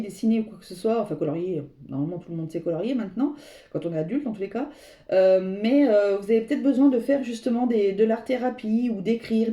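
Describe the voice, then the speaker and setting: A woman's voice: a little high, dark tone. A woman giving a tarot card reading to her viewers, meandering and searching for words as she speaks to them directly. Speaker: tarot reader. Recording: roomy echo.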